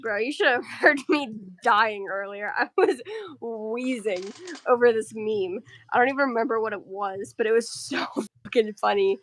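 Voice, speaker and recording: A woman's voice: fairly high pitch, normal speed. A young woman chatting casually on a livestream while drawing, giggly and blunt, swearing often.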